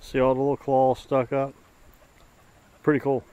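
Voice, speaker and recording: A middle-aged man narrating as he films outdoors along a woodland trail. He talks in an easygoing, folksy, plain-spoken way. His pitch sits in the middle for a man, and he is close to the handheld camera mic. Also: completely flat delivery, normal speed, warm tone. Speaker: bushcraft channel host. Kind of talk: casual narration while filming on a hike.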